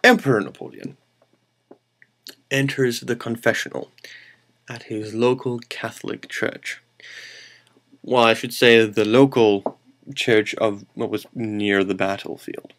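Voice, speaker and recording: Rambling gravelly comic storyteller man. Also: lowish voice, steady tone, takes it slowly, pauses often, a bit bright. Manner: rambling, self-correcting, playful asides. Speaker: storyteller and show host.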